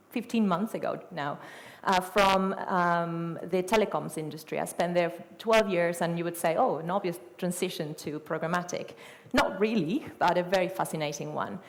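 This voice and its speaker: With a voice on the low side, a middle-aged native Spanish speaker from Argentina gives a conference presentation in an Argentine Spanish accent. She uses many fillers, self-corrections and rhetorical questions, and the hall reverberates.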